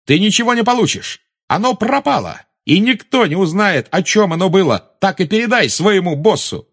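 A man voicing a defiant teenage boy wizard who shouts through pain. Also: sits high, expressive, moderate pace, pitched above the performer's own voice, exaggerated voice. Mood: shouting.

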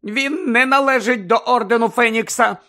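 A man voicing a worried, strict middle-aged mother who nearly shouts in her arguments. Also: animated, unhurried, exaggerated voice. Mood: agitated. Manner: shrill, pleading, nearly shouting.

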